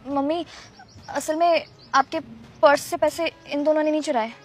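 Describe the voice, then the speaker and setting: A woman's voice: sits high, steady tone, moderate pace, soft background music, natural voice. A young woman playing a spoiled, pampered daughter who talks in a whiny, coaxing way. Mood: worried. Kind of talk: amateur web drama acting.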